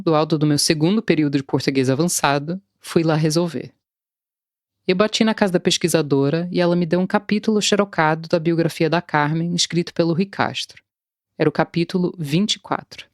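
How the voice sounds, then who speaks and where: Her voice deep, this woman in her thirties reads a scripted, wry, confessional account of her life as a translator. The recording is studio quality with no room sound.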